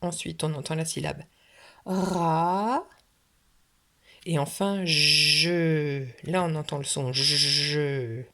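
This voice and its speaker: A woman's voice: low voice, brisk, vocal fry, hardly any pauses, darkish tone, a little hiss or hum. A woman teaching a video phonics lesson for young children, patiently sounding out each syllable. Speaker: kindergarten teacher. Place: French classroom or home, recorded for video.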